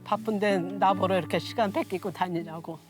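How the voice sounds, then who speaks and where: A woman in her sixties shares stories from her life as an interview guest, and music can be heard behind her. She talks fairly quickly with a steady tone at medium pitch. Her speech comes across as plain and homely, with no polish.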